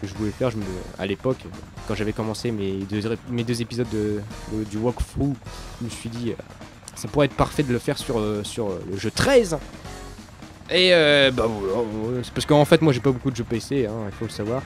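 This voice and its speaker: A young man casually commenting on a shooter game as he plays, rambling, losing his thread and filling pauses with many hesitations. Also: mid-range voice. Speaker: let's play commentator. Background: game sounds and music.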